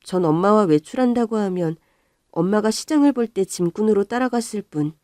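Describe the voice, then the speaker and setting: A woman narrating a first-person life story in a calm, subdued way. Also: medium pitch, fairly quick, dry recording, clean studio sound.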